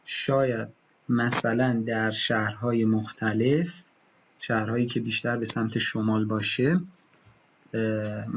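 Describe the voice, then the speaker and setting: A man teaching German pronunciation, patiently repeating each example word slowly. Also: mid-range voice, lo-fi sound, a little hiss or hum. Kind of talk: pronunciation lesson.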